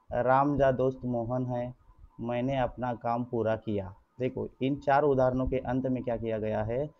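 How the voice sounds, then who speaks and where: Guy teaching kids grammar online, patient, keeps asking questions and answering them himself, kinda muffled lo-fi sound. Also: medium pitch. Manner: addresses pupils as children, patient and explanatory. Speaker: school teacher. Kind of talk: online grammar lesson over slides. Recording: dull lo-fi recording.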